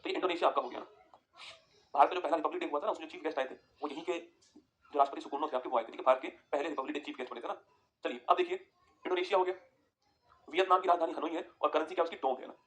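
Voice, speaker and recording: A man teaching a geography lesson over a map, talking quickly and repeating points for students to write down. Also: a little high, fairly bright tone, slight background noise. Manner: rapid, repetitive, tells students to write points down.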